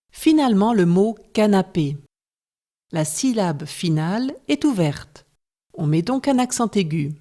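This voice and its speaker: A woman's voice: fairly low pitch, dark tone. A woman narrating a scripted lesson as a French teacher, explaining step by step in a careful manner.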